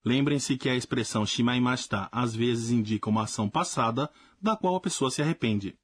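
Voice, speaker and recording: A man teaching a language lesson in a clear, explanatory scripted narration. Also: medium pitch, fairly quick, no room sound.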